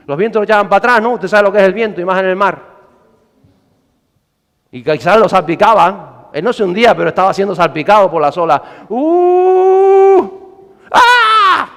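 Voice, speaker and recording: A man preaching a sermon, animated, acting out scenes with shouts and character voices. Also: high-pitched. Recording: hall reverb.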